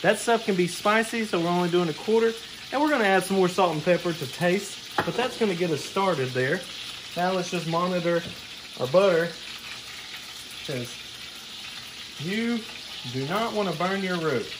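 A young man hosts a casual cooking video in his home kitchen, chatting to viewers while he chops and stirs. His voice is high, at normal speed with long pauses, picked up by a distant camera mic in a noisy kitchen full of sizzling and frying.

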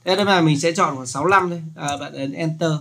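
A chatty man talks through a casual screen-recorded software tutorial. His voice sits slightly high, and his explanations stay loose and joking. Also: fast, vocal fry.

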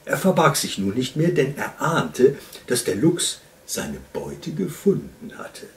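A man reading a children's story aloud in an expressive, unhurried storytelling voice. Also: medium pitch, recorded from a distance.

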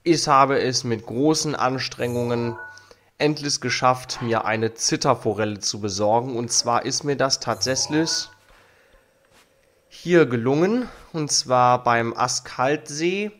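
Speaking slowly in a fairly bright, mid-range voice, a young man nursing a cold plays through a game for a let's play, reading its text and chatting about it casually. A studio mic on an arm catches him, with a little hiss or hum and faint game music in the background.

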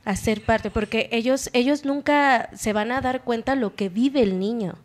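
A woman's voice: a little high, a little slow. A woman guest on a talk show, speaking thoughtfully and rephrasing as she goes.

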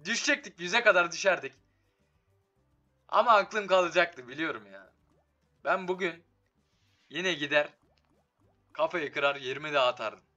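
A man's voice: a little high, lively intonation, normal speed, long pauses, pushed and bright, muffled recording. A man doing casual, slangy live commentary on a slot game, swearing and talking to it, his voice giving out from being a bit sick. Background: game music.

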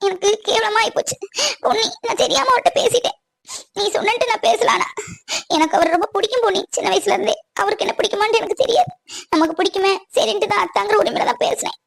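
A woman voicing a gentle, dutiful young woman in a cartoon who talks in a sorrowful, pleading way, often near tears. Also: extremely high pitch, steady tone, fast talker, dry recording. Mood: tearful. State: crying. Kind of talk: cartoon voice acting.

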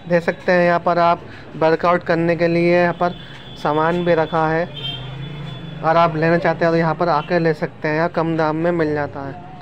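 A man's voice: a little high, monotone, moderate pace, highs cut off. A man in his thirties casually narrating a walking tour of an outdoor street market, chatty and often addressing viewers as friends, recorded on a handheld phone. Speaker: vlogger. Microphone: handheld phone camera. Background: street noise.

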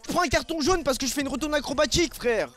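A young man with a French accent giving raging gameplay commentary, shouting one moment and muttering the next, with sing-song taunts. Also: extremely high pitch, fast talker, no echo. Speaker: gaming streamer.

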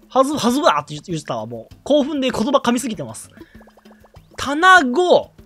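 A man's voice: very high voice, fairly bright tone. A man streaming a life-sim game, joking in mock-flirty, teasing banter with the characters. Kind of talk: casual gameplay commentary.

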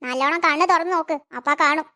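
A woman's voice: high voice, quick pace, bright, forceful tone. Woman voicing a sneering cruel cartoon stepmother. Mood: spiteful. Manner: sneering, mocking.

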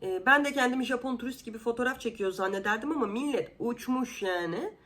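Indignant, sarcastic woman vlogger. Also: fast. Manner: animated, with sudden pitch jumps. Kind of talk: casual commentary.

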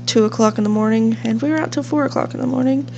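A young woman who hosts a gaming channel chats through let's-play commentary at home, rambling with fillers while sniffly from a cold. Her voice is fairly high, fast, and a little mellow; the highs are cut off, and a fish tank in the room adds a faint hum.

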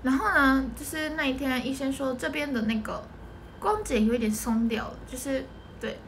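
Bright high-voiced Taiwanese young woman. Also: normal speed, slight background noise. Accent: Taiwanese Mandarin. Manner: chatty, answers viewer comments, mimics clicking sounds, laughs often. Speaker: idol group member livestreaming. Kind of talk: casual livestream chat.

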